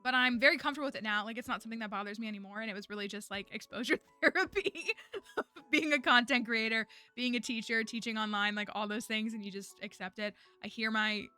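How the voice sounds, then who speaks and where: A young woman who streams and teaches online chats casually in a livestream, rambling with lots of fillers, frequent restarts and laughs. Her voice is a little high, sharp, clear and resonant, and she talks fast over a headset or desk mic with a faint music bed underneath.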